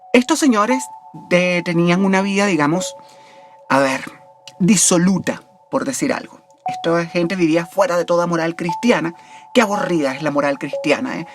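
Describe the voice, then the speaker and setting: Chatty podcast host. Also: mid-range voice. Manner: chatty and digressive, with wry humorous asides. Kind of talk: informal educational podcast talk.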